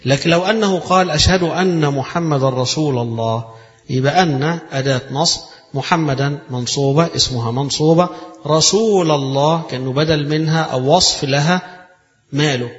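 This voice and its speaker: A man's voice: a little high, a little fast. A man with an Egyptian accent giving a religious lecture, reading a passage and then explaining it in colloquial speech, repeating phrases to show their pronunciation. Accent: Egyptian Arabic. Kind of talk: lecture explaining a read-out text. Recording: echoey hall, dull lo-fi sound.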